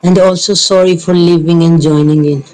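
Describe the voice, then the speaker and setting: A man from Saudi Arabia calling into a live online debate, his voice disguised by a voice changer, speaking in a halting, hesitant way. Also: fairly high pitch, steady tone, a little mellow, low-quality recording. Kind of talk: arguing a religious point. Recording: voice run through a voice changer.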